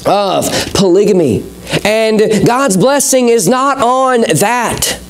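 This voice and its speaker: A man's voice: high-pitched, lively intonation, slow pace. A male pastor preaching a sermon in an earnest, conversational way with touches of light humor, speaking to a church congregation. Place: church service.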